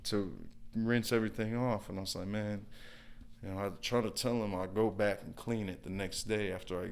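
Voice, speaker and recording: A man's voice: on the low side, a little fast. A man talking casually as a guest about his contracting work, rambling with lots of fillers and acting out an angry customer. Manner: relaxed, rambling, lots of "you know" and "like"; acts out an angry customer in quoted bursts. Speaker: guest, brick and mortar contractor. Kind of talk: casual storytelling interview.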